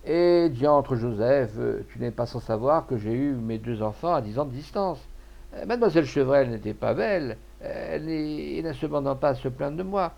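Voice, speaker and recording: A man voicing a shrewd old cloth merchant who talks loudly and emphatically, in an audiobook. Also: medium pitch, expressive, normal speed, creaky, dull audio. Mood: stern. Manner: loud, blustering and emphatic. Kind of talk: audiobook character voice.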